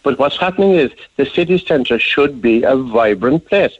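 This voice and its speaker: A man's voice: medium pitch, expressive, normal speed. An older Irish man with a Kerry accent, giving his opinion conversationally as a radio phone-in caller. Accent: southwest of Ireland, Kerry. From County Kerry, Ireland. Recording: dull phone-in line.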